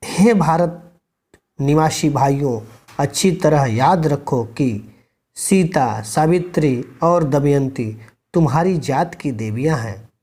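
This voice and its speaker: A man's voice: a little high, slow pace, mellow, slightly rough. A man teaching a school Hindi lesson, reading a passage aloud and then explaining it line by line while urging his students on. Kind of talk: classroom lesson explaining a textbook chapter.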